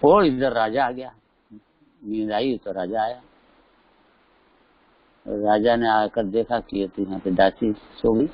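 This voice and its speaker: A man's voice: fairly low pitch, steady tone, slow, long pauses. A middle-aged man giving a religious discourse, telling a story and acting out voices in the quotes. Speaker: Jain scripture teacher. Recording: dull lo-fi dry recording.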